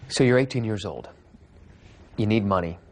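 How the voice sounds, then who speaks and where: A man's voice: on the low side, animated, normal speed. A man interviewing people with pointed, skeptical questions.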